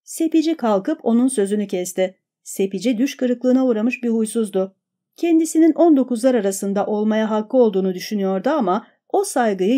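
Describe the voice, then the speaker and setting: Brief: woman narrator, warm, slightly high voice, steady expressive storybook reading. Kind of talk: audiobook narration.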